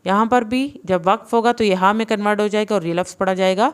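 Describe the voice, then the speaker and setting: A woman teaching Quran reading in a recorded lesson, spelling out syllables slowly and blending them, with quicker plain explanations of the rules in between. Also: medium pitch, steady tone, clean tone.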